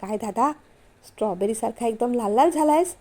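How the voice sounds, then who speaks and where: A man's voice: extremely high pitch, animated, brisk, darkish tone. A woman voicing a cheeky younger brother. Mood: teasing. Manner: teasing. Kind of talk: storytelling read-aloud.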